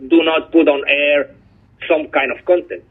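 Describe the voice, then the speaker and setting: A slightly high, husky male voice comes through a thin, tinny telephone line. He is a guest journalist, pausing often with ums as he makes his points earnestly. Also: flat delivery. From Chile. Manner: hesitant, frequent ums, earnest. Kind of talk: phone interview.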